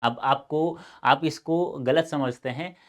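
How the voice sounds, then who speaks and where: A man teaching a Hindi exam lecture to students, explaining and mixing in lively, fatherly advice. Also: on the high side, takes it slowly. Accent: North Indian Hindi. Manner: addresses students as beta, lively asides and advice.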